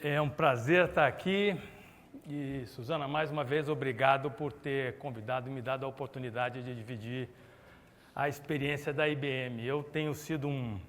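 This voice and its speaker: A middle-aged Brazilian man gives a lively corporate keynote in a conference hall, chatting animatedly and polling the audience by asking them to raise their hands. His voice is medium-pitched at a moderate pace. The hall's long reverb trails his words.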